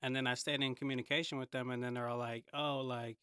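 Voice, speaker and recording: A hip hop artist from the San Francisco Bay Area tells stories as a podcast guest, using laid-back, slangy phrasing and swearing casually. His medium-pitched voice is level, fast, pushed, bright and smooth, in a dry recording with clean studio sound.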